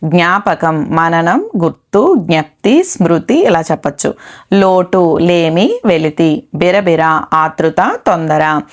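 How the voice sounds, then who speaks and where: Woman, Telugu teacher, lower-pitched voice, steady list-like dictation, exam-prep lesson. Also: slow pace.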